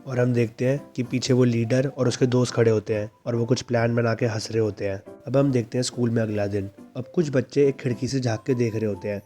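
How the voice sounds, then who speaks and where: Man narrating a manga recap, dark tone. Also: medium pitch, steady tone, quick pace, hardly any pauses, faint music behind. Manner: quoting the characters' lines in lightly acted voices.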